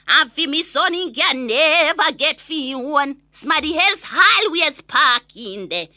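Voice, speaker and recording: Casting: woman as opinionated Jamaican granny, high and very sharp voice, indignant gossipy comic monologue. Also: unhurried, no room sound, studio quality, exaggerated voice. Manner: gossipy, exasperated, animated storytelling. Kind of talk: comic monologue rant in an audio story.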